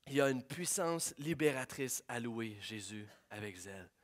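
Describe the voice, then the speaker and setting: A man preaching a sermon, swinging from hushed prayerful lines to loud, excited storytelling. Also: medium pitch, moderate pace. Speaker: pastor.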